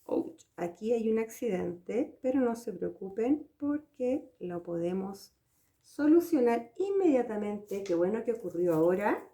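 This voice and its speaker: Slow, patient woman teaching crafts. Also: medium pitch, big pitch swings, warm tone. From Chile. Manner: patient, step-by-step, checks in with viewers. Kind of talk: hands-on craft tutorial.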